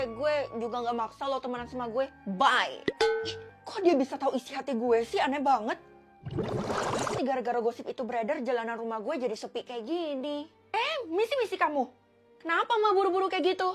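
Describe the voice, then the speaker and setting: High-voiced young woman doing comic POV skits. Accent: Indonesian, Jakarta slang. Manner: switches quickly between characters, playful and expressive. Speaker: content creator. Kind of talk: comic POV skits, one performer voicing all roles.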